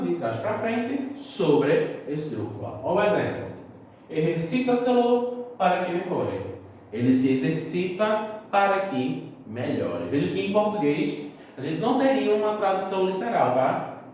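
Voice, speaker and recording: A man's voice: fairly high pitch, a little mellow, slight background noise. Brazilian guy teaching class, keeps checking the students follow, big echo, mic a bit far off. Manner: explains step by step, checks in with the students. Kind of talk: recorded classroom lesson. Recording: echoey room, mic at a distance.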